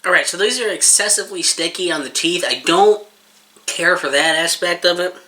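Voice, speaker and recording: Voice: mid-range voice, normal speed, sharp tone. A person giving a casual, rambling taste-test review, talking informally and swearing freely while eating.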